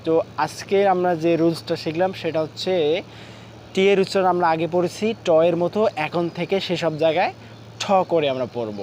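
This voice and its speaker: A man with a Bangladeshi accent teaching an English pronunciation lesson, repeating words slowly and deliberately. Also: on the high side, darkish tone, slight background noise. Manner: repetitive drilling, slow and deliberate. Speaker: English teacher and course founder.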